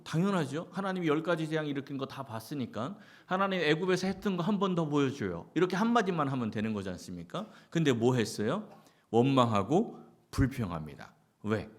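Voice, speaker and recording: A man preaching a Sunday sermon as pastor. He keeps asking the congregation questions and answers them himself, and he slips into short acted-out quotes. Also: mid-range voice. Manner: lively, rising and falling delivery with short acted-out quotes.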